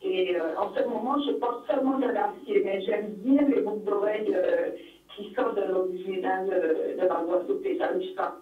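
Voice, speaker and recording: A woman calling in to a radio show, speaking in an earnest, halting way with many pauses. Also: mid-range voice, steady tone. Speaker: caller. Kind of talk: call-in radio chat. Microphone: telephone. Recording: echoey tinny phone line from far off.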